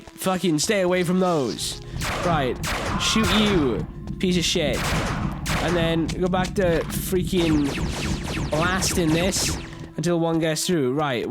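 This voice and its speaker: A man's voice: a little high, slow pace. A man hosting a podcast, commentating his gameplay with exasperated, swearing complaints. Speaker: podcast host. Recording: game audio and music playing behind.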